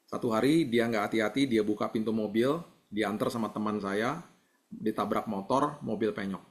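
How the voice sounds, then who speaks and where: A man preaching a sermon over a video call, speaking gently and conversationally and mixing in English words. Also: fairly low pitch, moderate pace. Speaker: pastor.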